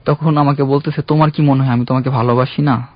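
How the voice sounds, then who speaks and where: A young man calling in to a radio show, earnestly recounting his own love story in a halting, heartfelt way. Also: mid-range voice, steady tone, dry recording. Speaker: caller. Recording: dull, dry radio studio sound.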